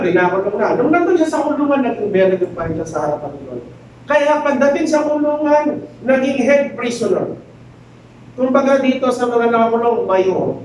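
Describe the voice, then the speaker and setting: A man preaching a sermon as a pastor, telling a story in an animated, joking way and acting out the people in it. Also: very high voice, a little hiss or hum. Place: church hall. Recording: very echoey hall, distant mic.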